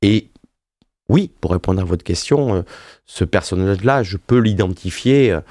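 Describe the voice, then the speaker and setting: An author and wine journalist in his fifties is interviewed on radio, his low, warm voice animated and at a normal pace. He hesitates and restarts often. The recording is dry and studio-clean.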